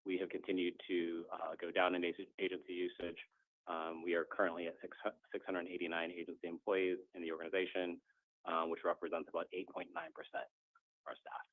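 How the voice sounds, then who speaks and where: A man's voice: low-pitched, a little fast. A man presenting a staffing report at a committee meeting, talking steadily with some fillers. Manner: jokey, then steady with fillers. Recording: tinny phone-like line.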